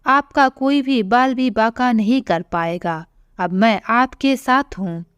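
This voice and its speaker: A woman voicing a kind young woman official who gently reassures a frightened old woman in an audio story. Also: fairly high pitch, takes it slowly, smooth, no echo. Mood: reassuring.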